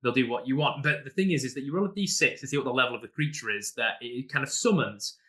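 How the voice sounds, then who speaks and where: A man's voice: medium pitch, fast, bright, forceful tone. A man running a tabletop game, casually recapping a session as a rambling storyteller full of fillers. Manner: mimics players in raised voice. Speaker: game master.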